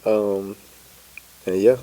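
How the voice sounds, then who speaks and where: A man, a podcast guest, talking easily with many fillers and soft trailing asides. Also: lowish voice, steady tone, extremely slow. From United States (Florida). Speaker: guest, entrepreneur. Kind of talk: casual interview chat.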